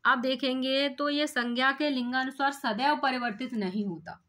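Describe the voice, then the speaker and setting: A woman teacher with a high, slightly bright voice works through an exam paper one question at a time at normal speed. She explains each answer step by step and poses rhetorical questions along the way.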